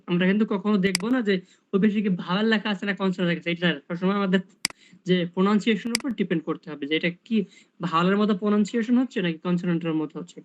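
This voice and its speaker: A man's voice: sits high, lo-fi sound, background noise. A man tutoring English grammar in a casual online lesson, explaining step by step and asking rhetorical questions.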